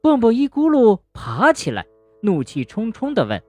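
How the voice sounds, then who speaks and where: A woman narrating a children's bedtime story gently and expressively, speaking to a young listener. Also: fairly high pitch, wildly swooping pitch, moderate pace, dry recording, soft background music.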